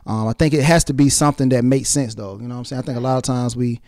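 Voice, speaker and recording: He talks very fast, with a medium-pitched, steady, darkish voice. A young man from Atlanta's South Side who raps and acts, he's a guest in a casual interview, speaking loosely into a handheld mic and saying "you know what I'm saying" a lot.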